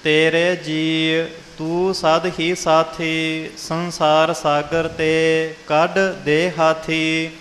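A man reciting scripture in a measured sing-song chant, pausing between lines for correction. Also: fairly high pitch, completely flat delivery, a bit bright, long reverb tail, slight background noise.

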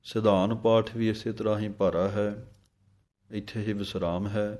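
A man teaching correct pronunciation of scripture, chanting verses slowly and then explaining each word more quickly. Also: on the low side, fairly even intonation, a little mellow. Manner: alternates slow chanted recitation with quicker spoken explanation. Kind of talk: recitation lesson.

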